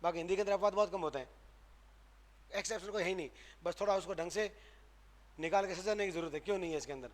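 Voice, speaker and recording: A man's voice: sits high, quick pace, long pauses. A man. He lectures in an emphatic way, putting questions to the room and answering them himself before moving on. He repeats sounds with extra stress so the students can hear the difference. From Rajasthan, India. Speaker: Hindi grammar teacher. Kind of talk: classroom lecture. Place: classroom.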